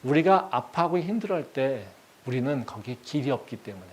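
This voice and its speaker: A male pastor preaching a sermon, speaking emphatically, posing rhetorical questions and swinging between soft and loud delivery. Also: mid-range voice, expressive, a little fast, a little hiss or hum.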